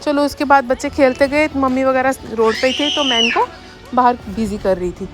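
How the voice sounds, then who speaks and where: A young woman chatting fast in a family vlog voice-over, talking straight to her viewers. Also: high-pitched. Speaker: family vlogger. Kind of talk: casual voice-over narration of daily life. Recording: voice-over with faint background music.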